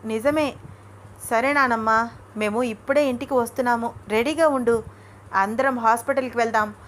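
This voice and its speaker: A woman voicing a lively, excitable young wife. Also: high voice, moderate pace, slight background noise, lightly acted. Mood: excited. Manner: bubbly, excitable.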